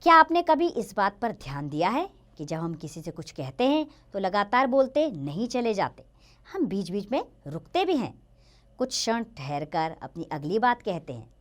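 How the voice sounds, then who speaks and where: Lively sing-song woman teaching children. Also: medium pitch, moderate pace. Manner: sing-song teacherly, reading examples aloud with emphasis. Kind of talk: children's grammar lesson.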